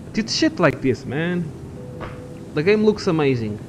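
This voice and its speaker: A man's voice: on the high side, big pitch swings, measured pace, darkish tone, slight background noise. Rambling young man narrating gameplay. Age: young adult. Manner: rambling, profane, thinks aloud. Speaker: gaming channel host. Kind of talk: casual gameplay commentary.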